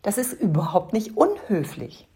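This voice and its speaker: A woman coach talking straight to the listener, giving advice in an emphatic way and often dropping into breathy half-whispers. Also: medium pitch, huge pitch swings, moderate pace, warm tone. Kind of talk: direct advice talk to the listener.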